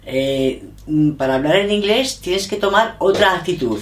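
A woman's voice: on the low side, expressive, normal speed. Hesitant middle-aged woman, roomy. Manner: hesitant, self-correcting, thinking aloud. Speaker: interviewee, learner of English. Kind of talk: casual chat. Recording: echoey room.

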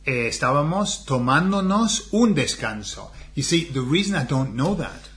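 Relaxed joking man co-hosting a lesson. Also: a little high, normal speed. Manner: relaxed, jokey, frequent agreement sounds. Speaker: co-host and learner. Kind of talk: casual language lesson.

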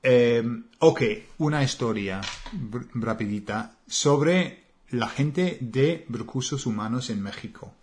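A man with an English accent speaking Spanish, co-hosting a relaxed language lesson, slow and hesitant with many fillers. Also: medium pitch, slight background noise. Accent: English learner speaking Spanish. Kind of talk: casual conversational lesson.

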